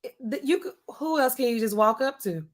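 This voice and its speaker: A pharmacist streamer, a woman with a hoarse, husky, weak voice, reads comments during a casual livestream chat. Her manner is animated, and she slows and deepens her speech to sound stern. The setting is a home studio with a neon sign.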